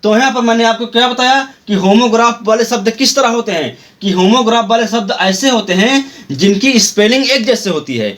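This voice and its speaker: A man with a high voice teaches an English grammar lesson at an unhurried pace. He spells words out letter by letter and restates every point in other words. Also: fairly bright tone. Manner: repeats and rephrases each point. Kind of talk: explanatory video lesson.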